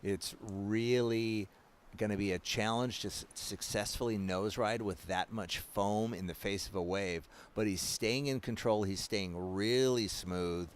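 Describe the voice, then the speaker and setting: Low-voiced man giving surf analysis. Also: a little slow. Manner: relaxed, analytical color commentary. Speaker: surf commentator. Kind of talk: live sports commentary.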